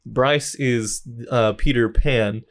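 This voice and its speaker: A man's voice: mid-range voice, slow. A man co-hosting a casual movie podcast, joking and laughing often between lines. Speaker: podcast co-host. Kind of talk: casual chat.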